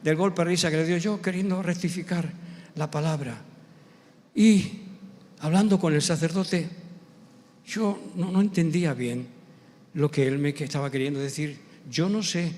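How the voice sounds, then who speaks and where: A male pastor with a Spanish accent from Spain, preaching a sermon as an animated storyteller who builds to emphatic, slow preaching. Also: a little high. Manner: animated storyteller who acts out quoted voices. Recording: long church hall reverb.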